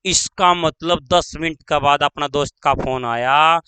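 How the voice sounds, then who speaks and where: A male teacher gives an online grammar lesson, stretching words out slowly and repeating each phrase. His voice sits high and sounds bright and crisp. The recording is close and dry. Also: no echo, rough recording. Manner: slow, drawn-out, repeats phrases and asks pupils questions.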